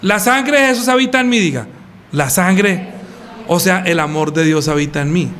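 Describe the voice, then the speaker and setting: High-voiced preaching man. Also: animated, normal speed, fairly bright tone. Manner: preaching with rhetorical questions, calls on congregation by name. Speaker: pastor. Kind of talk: sermon.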